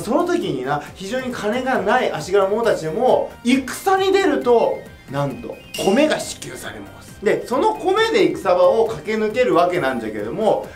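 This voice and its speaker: A man, explaining history to camera as a brash samurai warlord, with theatrical emphasis and old-fashioned warrior diction. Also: sits high. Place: indoor studio with backdrop. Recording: roomy indoor echo, music bed.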